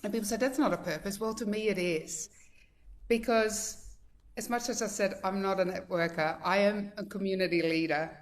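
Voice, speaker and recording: This guest speaker on a video call is a woman in her fifties from the Netherlands with a mixed Dutch accent. Her voice is medium-pitched with fairly even intonation and a moderate pace, and she recounts her personal story in a warm, chatty manner packed with fillers.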